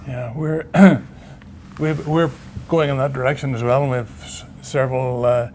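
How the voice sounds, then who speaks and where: A man's voice: mid-range voice, steady tone, normal speed, darkish tone, a little hiss or hum. A man chatting casually in an interview, often repeating and rephrasing himself as he answers. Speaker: president of a national radio society. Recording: faint room ambience behind.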